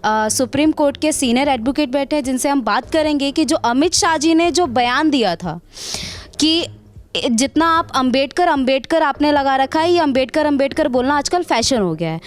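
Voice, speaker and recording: A woman anchors a news interview and introduces her guest. She presents in a formal way, with a fairly high voice. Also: expressive, normal speed.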